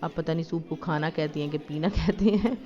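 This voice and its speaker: Talking fairly quickly in a low, dark voice, a woman narrates her family vlog as casual voice-over. As a family lifestyle vlogger she's chatty and homely, leaning on frequent fillers, and her throat sounds slightly sore. It's captured on a slightly dull lo-fi recording.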